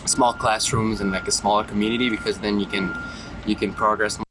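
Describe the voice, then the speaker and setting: Flat-voiced man student from Iran. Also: lowish voice, a little fast, background noise. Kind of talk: testimonial interview.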